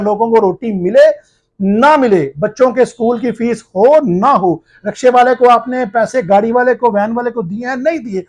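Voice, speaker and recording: A male journalist from Pakistan, addressing viewers in a forceful, accusing, challenging tone. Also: high voice.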